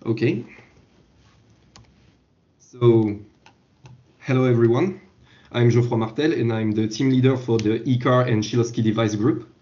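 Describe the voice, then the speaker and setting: A man, a team leader presenting his project in a casual, halting way over a video call. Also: mid-range voice, mellow. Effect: heard over a video call. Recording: muffled video-call audio.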